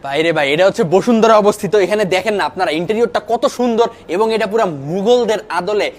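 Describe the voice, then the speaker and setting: A young man hosting a food review vlog in a restaurant, talking excitedly and emphatically, often asking "okay?". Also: high-pitched, fast. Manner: excited, emphatic, keeps asking "ঠিক আছে?". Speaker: food vlogger. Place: restaurant dining room.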